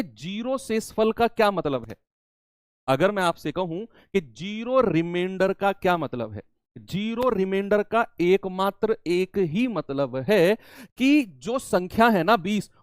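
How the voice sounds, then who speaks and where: A man gives a maths lesson in a high, clear voice, recorded close and dry. He walks through each step, repeats the key terms, and now and then answers in the voice of his students. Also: no room sound. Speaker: maths teacher. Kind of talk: classroom maths lecture.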